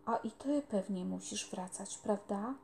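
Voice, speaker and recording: A woman's voice: medium pitch, measured pace, gravelly, warm tone, slight background noise. A woman doing a lonely earnest girl. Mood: sad. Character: lonely, prickly young girl softening.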